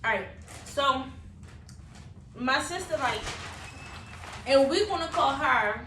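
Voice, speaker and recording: A young woman vlogger casually tells a story, animatedly acting out the dialogue with quoted lines. Her voice is high and slow, captured on a distant microphone in a roomy, noisy space.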